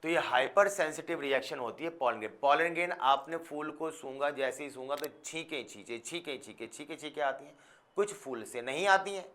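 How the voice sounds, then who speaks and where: Brisk and expressive with hardly any pauses, a fairly high, bright-voiced man lectures on biology. He sprinkles in English scientific terms, calls his students "beta", and repeatedly checks they are keeping up.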